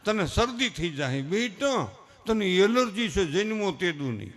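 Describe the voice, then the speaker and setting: A male comedian voicing a doting, overprotective mother with a high, pleading, drawn-out voice. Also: sing-song, fairly bright tone, exaggerated voice. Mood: fussing. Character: doting overprotective mother, middle-aged woman.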